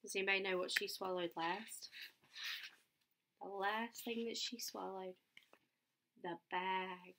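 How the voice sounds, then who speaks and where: In a small furnished room at home, a young adult woman reads a picture book to children, explaining plainly and quizzing her listeners. Her medium-pitched voice stays steady, slow and frequently paused, against a noisy background. She's recorded on a computer webcam roughly an arm's length off.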